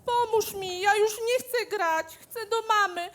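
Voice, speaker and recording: A woman's voice: very high-pitched, a little slow, fairly bright tone. A woman playing a poor, timid, whiny little boy in a comic children's play. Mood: pleading.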